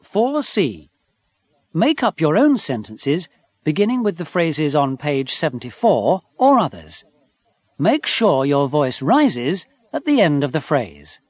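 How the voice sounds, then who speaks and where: A man narrates the steps of a pronunciation course. His delivery is slow and deliberate, and his voice sits slightly high with a lively rise and fall. The studio sound is dry. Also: dry recording. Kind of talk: scripted instructions for a pronunciation course.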